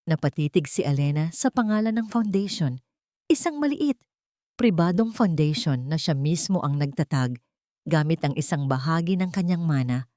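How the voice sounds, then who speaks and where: A woman with a low, dark, expressive voice narrates a scripted love drama in a measured, solemn way, like serious storytelling. The recording is very dry, with no echo around her.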